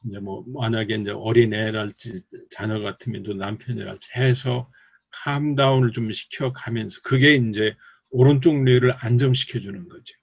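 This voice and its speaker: Gravelly man giving a rambling lecture. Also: on the low side, fairly even intonation, moderate pace. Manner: rambling, many filler words; acts out sample dialogue in quotes. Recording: dull, lo-fi recording.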